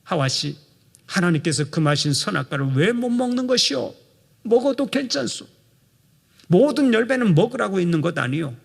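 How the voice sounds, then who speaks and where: Sly tempter devil, put on by a gravelly male preacher, wheedling, long hall echo. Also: high voice, sing-song, normal speed, heavily acted. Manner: soft wheedling persuasion.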